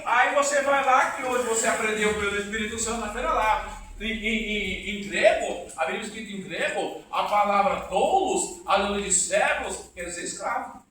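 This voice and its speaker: A man preaching an informal church sermon, animated and quizzing the congregation. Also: sits high, normal speed. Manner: animated, asks the congregation questions, acts out quotes. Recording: echoey room from far off, faint noise.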